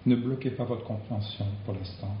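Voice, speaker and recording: A man preaching a sermon in slow, deliberate phrases with long pauses. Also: on the low side, steady tone, reverberant, highs cut off, slight background noise.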